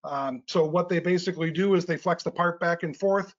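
A man's voice: high voice, fairly quick. A middle-aged man presenting technical slides in a webinar, explaining step by step with frequent uh and um fillers. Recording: slightly dull lo-fi webinar audio.

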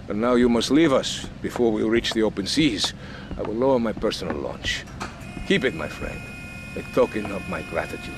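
An actor playing a courtly, theatrical middle-aged colonel with a Latin American Spanish accent in a video game. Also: male voice, on the low side, huge pitch swings, normal speed, music in the background. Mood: courteous, warm. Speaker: game character. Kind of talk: video game cutscene acting. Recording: game audio over loud vehicle ambience.

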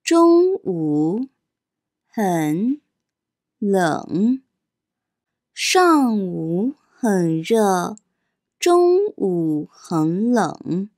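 A woman leads a very slow pronunciation drill, breaking each phrase into single syllables before repeating it whole. Her pitch moves a lot as she models the tones, with a faint gravelly edge. The sound is close and dry. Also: sing-song, darkish tone, no room sound. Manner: says each word or syllable slowly, then repeats it. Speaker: Chinese teacher.

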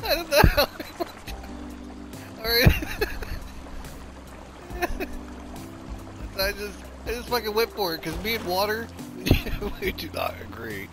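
A man's voice: high-pitched, very animated, takes it slowly, long pauses, over music. A man playing a video game with a friend, teasing him and laughing a lot. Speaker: gamer. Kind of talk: gameplay chat.

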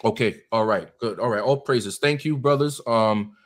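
A man's voice: mid-range voice, moderate pace, background noise. An American man, a deacon, preaching earnestly and directly to guests at a meeting, with many ums and uhs. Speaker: deacon leading a Bible study.

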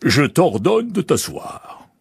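A man voicing a proud, commanding old king in an audiobook, speaking in a slow, grand, ordering way. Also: a little high, very animated, gravelly, husky, no echo, clean studio sound, voice pushed up, heavily acted. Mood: grandly commanding. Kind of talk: audiobook character voice.

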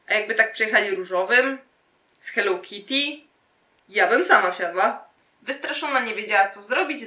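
A woman in her twenties reading fanfiction aloud for comedy and breaking in with deadpan, sarcastic asides. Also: mid-range voice, distant mic. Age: 20s. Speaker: channel host. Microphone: camera mic at a distance. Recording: roomy, recorded away from the mic.

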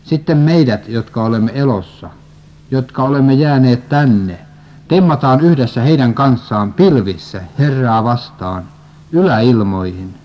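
A man steadily reading a religious prophecy story and scripture aloud, at an even pace, on a dull lo-fi recording. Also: mid-range voice. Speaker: reader.

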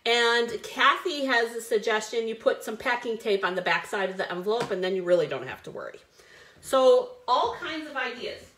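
A woman's voice: fairly high pitch, expressive, moderate pace, fairly bright tone, slight background noise. A woman hosting a live card-making stream, chatty and bubbly, greeting viewers by name as she works. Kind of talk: live crafting stream chat.

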